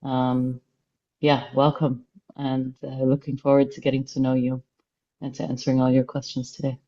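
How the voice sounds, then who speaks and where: A woman from Kuwait, a facilitator and singer, introducing herself on a video call in a measured way. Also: extremely low pitch, completely flat delivery, dark tone. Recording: dull, muffled video call audio.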